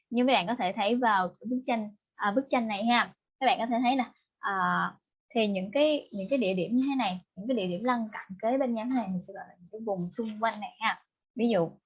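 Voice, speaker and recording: Slow Vietnamese-accented woman teaching vocabulary. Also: fairly high pitch, muffled recording. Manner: slow, repeats words, checks with "ok?". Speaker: English teacher. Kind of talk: vocabulary lesson mixing English and Vietnamese.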